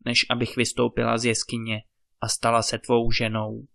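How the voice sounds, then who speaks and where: A defiant young maiden crying out from a dark cave, as a male storyteller reads her. The voice is bright and raised, close to the reader's own. Told as a spoken fairy tale. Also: medium pitch, completely flat delivery, vocal fry.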